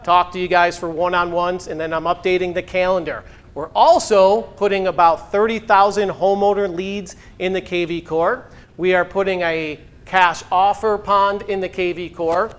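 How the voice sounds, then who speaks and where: A man leading a team sales meeting, energetic and hyping up the team. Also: sits high, normal speed, smooth. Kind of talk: upbeat meeting announcements.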